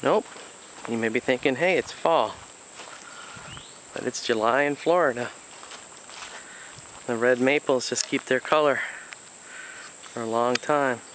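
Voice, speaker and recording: Here the hiker's voice sits at medium pitch, unhurried and broken by long pauses, as he narrates his outdoor swamp walk in a relaxed, chatty way full of ums and uhs. The camera, handheld or body-worn, keeps him out of sight in a swampy Florida wetland, and nature noise from insects and crickets runs underneath.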